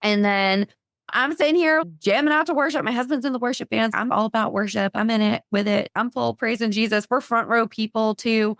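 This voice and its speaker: A woman's voice: on the high side, brisk, dry recording. Dry-sounding woman telling a faith story. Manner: lively storyteller, acts out her own past thoughts in quotes. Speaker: podcast guest. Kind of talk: storytelling faith testimony in a podcast conversation.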